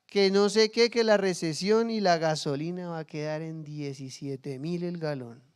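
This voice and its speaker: A pastor delivers a sermon in a high, clear and resonant voice. He is playful, slipping into quick impressions of everyday people to make his point. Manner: humorous, acts out everyday scenes in quoted voices.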